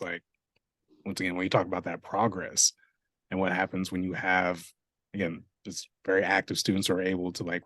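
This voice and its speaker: Casting: low-voiced male interviewer, casual and searching, dry close sound. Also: no echo. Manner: loose, searching phrasing with many fillers.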